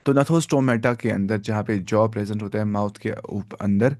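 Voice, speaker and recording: A man teaching a live online biology class in a casual, conversational way. He keeps asking his students questions, then answers them himself, stretching out key terms slowly. The recording is dry and close, with little room sound. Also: lowish voice, a little mellow, no room sound. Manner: mixes English science terms into casual Hindi.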